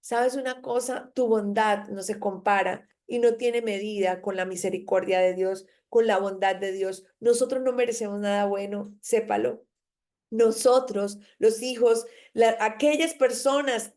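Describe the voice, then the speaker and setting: A woman's voice: on the high side, fairly even intonation, unhurried, a little mellow. A woman preaching a daily devotional, reading scripture and urging the listener with emphatic repetition. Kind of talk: devotional sermon with Bible reading.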